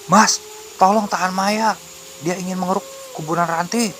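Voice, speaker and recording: A man's voice: high voice, steady tone, normal speed, a bit bright, a little hiss or hum, voice pushed up. A man voicing a panicked young husband, calling out in urgent pleas.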